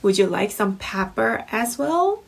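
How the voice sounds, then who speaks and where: A woman teaching an English lesson, repeating example sentences slowly and clearly. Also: medium pitch, sing-song. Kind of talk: language lesson.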